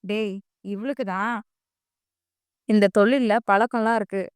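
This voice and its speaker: A woman's voice: medium pitch, steady tone, unhurried, smooth, no room sound, clean studio sound, close to an everyday voice. A woman voicing a gang of crude, menacing male thugs in an audio story. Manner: jeering, crude.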